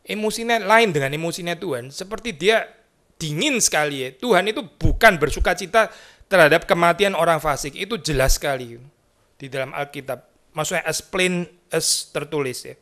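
A man with a fairly high voice delivers a sermon from a church pulpit. He talks to the congregation conversationally and slips English terms into his speech. He drops to hushed asides, then rises into emphatic points. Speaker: pastor. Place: church sanctuary.

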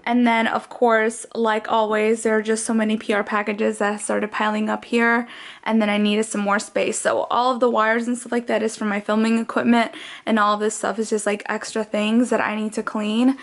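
A woman's voice: a little high, little pitch movement, normal speed. A young woman vlogger narrating her cleaning day in a chatty, gushing voice-over, full of "like"s. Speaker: lifestyle vlogger.

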